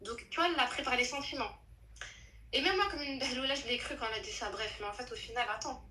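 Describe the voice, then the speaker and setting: A young woman telling a true story in a casual chat, animated and slangy, with many restarts. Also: a little high, quick pace, echoey room, slight background noise, poor audio.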